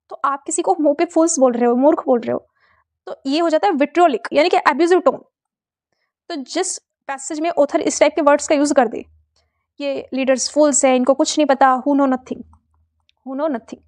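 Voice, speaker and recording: High-pitched woman teaching an exam class. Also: darkish tone. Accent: Indian English. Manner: explains terms with quick checking questions; mixes Hindi and English. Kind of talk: exam-prep lesson.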